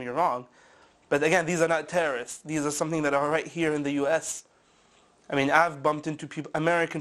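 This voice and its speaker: A young man from Saudi Arabia speaks English with an Arabic accent, answering interview questions as a film director. He explains his views earnestly, now and then restarting a phrase or reaching for a filler. His voice sits somewhat higher than most men's. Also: a bit bright.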